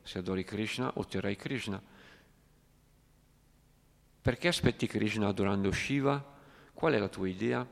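A man's voice: fairly low pitch, moderate pace, creaky, long pauses. A man reading the lines of a patient elderly spiritual teacher, explaining firmly, in an echoey hall. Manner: firm, explanatory.

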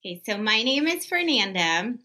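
A woman's voice: fairly high pitch, sing-song, normal speed, bright, forceful tone, low-quality recording. A woman from Brazil, a podcast guest talking casually and filling her sentences with "like". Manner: chatty, many "like" fillers. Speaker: guest, staging company co-founder.

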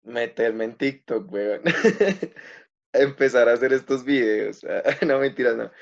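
A young man casually answering questions about his videos and life, often pausing and restarting his sentences. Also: medium pitch, vocal fry. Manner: hesitant, many fillers and restarts. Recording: slightly muffled recording.

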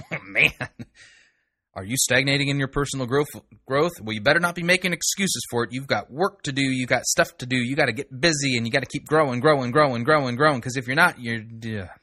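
A man's voice: medium pitch, fairly quick, pushed and bright, no room sound, studio quality. A man hosting a talk show, critiquing a recorded sermon in a mocking, exasperated tone. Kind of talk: sarcastic commentary.

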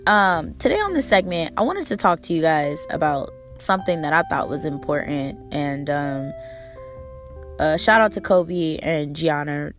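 A woman with a fairly low voice that is hoarse and squeaky from a cold, with a lot of fry in it. She talks casually and emphatically like a podcast host giving motivation, using slang and swearing. Faint plucked guitar plays behind her. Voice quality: squeaky, strained, a little off. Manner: slangy, swearing, emphatic, repeating key phrases. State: hoarse from a cold, recovering from a lost voice.

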